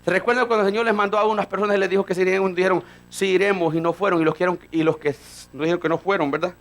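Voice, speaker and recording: A man preaching a fiery sermon, rising to shouts and acting out dialogue between characters. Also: high-pitched, fairly even intonation, very fast. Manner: fiery, rising to shouts, acts out voices of Peter and God.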